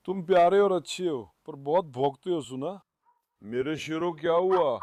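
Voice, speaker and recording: A man's voice: fairly high pitch, a little hiss or hum. A man talking casually on his farm vlog, affectionately calling out to his dogs as if they were his children. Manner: affectionate, coos at his dogs and calls them his lions. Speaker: farm pet vlogger. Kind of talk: casual vlog talk to camera. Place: outdoors on a farm.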